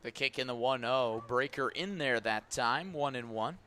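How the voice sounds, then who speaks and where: An American man calls baseball play-by-play live on the radio, his medium-pitched voice pushed and bright, clear and resonant, at a moderate pace. The live broadcast carries background noise and ballpark ambience.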